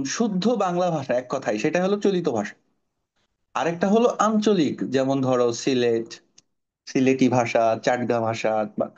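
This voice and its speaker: A man's voice: fairly high pitch, darkish tone. A male teacher leading a class, quizzing his students and patiently explaining each point. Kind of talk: online class lecture. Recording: dull lo-fi audio.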